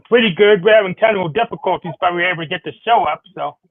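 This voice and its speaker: A man's voice: high voice, no echo, narrow, tinny audio. A man chatting casually from his home office through a wireless earbud, heard on a thin, glitchy line, rambling and correcting himself as he goes. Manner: rambling, self-correcting, hurried. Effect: thin glitchy earbud mic sound. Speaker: co-host. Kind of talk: casual chat.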